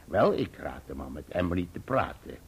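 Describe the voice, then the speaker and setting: An actor playing Peggotty, an older, hearty and emotional fisherman who talks in a rough, jovial way and laughs often in a radio play. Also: low voice, big pitch swings, moderate pace, exaggerated voice.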